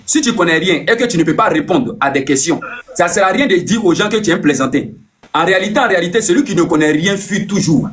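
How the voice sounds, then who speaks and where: A live stream host leads a heated debate in a high, fairly bright, animated voice, talking fast. He is insistent, repeating words and cutting in to press his point.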